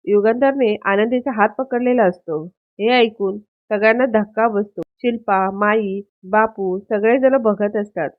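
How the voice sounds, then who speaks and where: A woman's voice: mid-range voice, steady tone, a little slow, dry recording. A woman retelling a television serial episode in scripted narration. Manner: storytelling recap, reads all parts. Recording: tinny phone-like audio.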